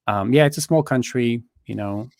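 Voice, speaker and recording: A man in his thirties from Latvia, a wedding photographer answering interview questions in an earnest, measured way with many fillers, on a video call. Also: medium pitch, darkish tone, no room sound, studio quality. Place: indoor studio room, on a video call.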